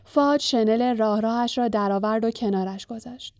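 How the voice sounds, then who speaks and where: A woman narrating a storybook in a calm, even reading voice. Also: on the high side, dry recording, studio quality. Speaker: audiobook narrator.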